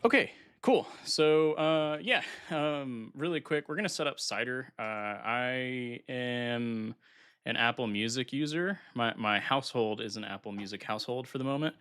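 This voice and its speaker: With a clear, resonant tone, this medium-pitched man speaks at a measured pace on a casual live stream. Slightly congested and a bit nasal as he gets over an illness, he calmly talks himself through setting up software at his computer.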